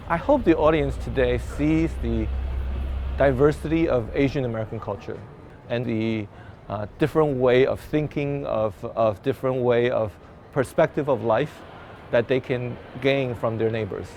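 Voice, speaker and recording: A man's voice: medium pitch, a little mellow. Guy organizing a festival, earnest, stops and restarts a lot, faint street noise around. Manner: earnest, halting phrasing. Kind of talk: interview answers.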